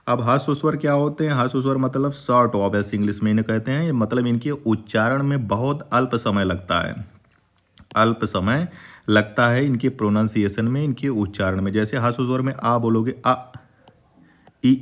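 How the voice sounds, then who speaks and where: A man teaching a grammar lesson for exam prep, explaining in a repetitive way, drawing out vowel sounds and mixing in English terms. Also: mid-range voice. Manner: explanatory, repeats points, drawn-out vowel demonstrations; mixes English terms into Hindi.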